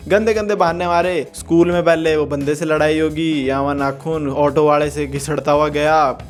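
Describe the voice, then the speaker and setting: A man's voice: a little high, fairly even intonation, moderate pace, faint music behind. A young man telling a storytime anecdote in a casual, joking way, swearing freely and chuckling as he goes. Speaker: storytime vlogger.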